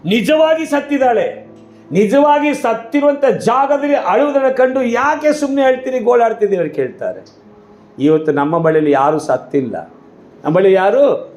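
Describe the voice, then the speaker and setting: A man preaching a sermon with a high, ringing voice, building fervent repetitive exclamations. The sound is roomy and echoey, with faint music behind him. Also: a little mellow. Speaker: pastor.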